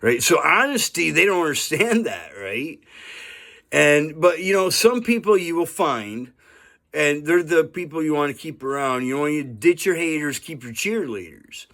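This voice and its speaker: A man in his fifties talking straight into the camera in a loose, rambling monologue. He sounds earnest, and he keeps checking in with "right?" and "you know". His voice sits a little high for a man. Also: sing-song, normal speed, pushed and bright. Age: 50s. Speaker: vlogger.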